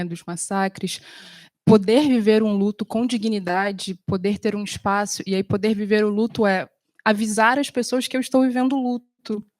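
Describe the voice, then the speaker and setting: Woman editor speaking at a panel, reflective and unhurried, mid-pitched voice, dry close sound. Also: dry recording. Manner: thoughtful, with frequent fillers and soft pauses. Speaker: film editor and video editing teacher on a panel.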